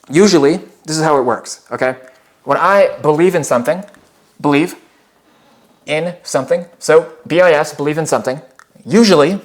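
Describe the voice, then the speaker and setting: A nineteen-year-old man giving a casual, rambling motivational talk, calling his viewers guys and bro and checking in with "okay?". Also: a little high. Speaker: motivational vlogger. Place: at home near the kitchen.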